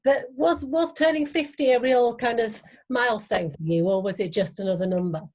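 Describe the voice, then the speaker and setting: A woman's voice: fairly high pitch, moderate pace, darkish tone. A woman in her late forties hosts a casual interview, asking questions openly and sharing her own feelings. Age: 40s. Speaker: podcast host.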